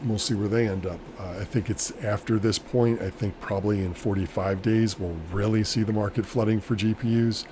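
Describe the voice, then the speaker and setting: Low-voiced man rambling casually over background noise. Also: fairly quick, hardly any pauses. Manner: rambling, matter-of-fact. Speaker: vlogger, small-scale crypto miner. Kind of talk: casual off-the-cuff solo chat. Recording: clear steady background noise.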